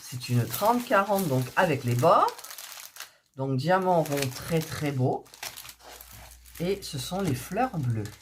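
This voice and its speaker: A woman's voice: deep voice, animated, takes it slowly, pauses often, slight background noise. A sick, coughing woman chatting casually to her subscribers, hesitant, with many fillers as she shows her craft kits. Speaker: hobby vlogger showing diamond painting kits.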